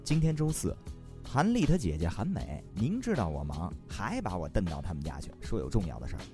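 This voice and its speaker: A man's voice: deep voice, big pitch swings, brisk, over music. Wry Beijing-accented man host. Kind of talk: comedy sketch narration.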